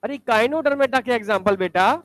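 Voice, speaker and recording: A male teacher quizzing students in a classroom, briskly ordering them to stand up and recite examples. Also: very high-pitched, fairly bright tone, dry recording.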